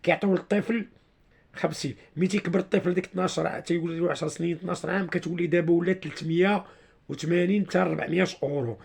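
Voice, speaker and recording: A man's voice: high voice, steady tone, vocal fry, a little mellow, slightly rough. A man with a Moroccan accent giving informal explanatory commentary to his followers, repeating himself and searching for words. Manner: repetitive, halting, searching for words. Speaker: online video commentator.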